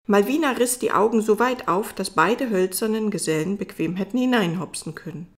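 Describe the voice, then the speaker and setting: A woman's voice: medium pitch, moderate pace. Woman narrating a fairy tale. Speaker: audiobook narrator. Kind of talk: fairy tale audiobook reading.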